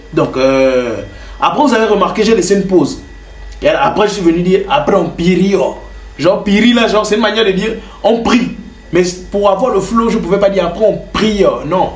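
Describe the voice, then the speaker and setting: Chatty young man explaining his beat. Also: fairly high pitch. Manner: loose and chatty, many fillers like "genre". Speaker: home music producer and rapper. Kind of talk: casual tutorial talk to camera. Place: his bedroom. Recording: roomy bedroom echo.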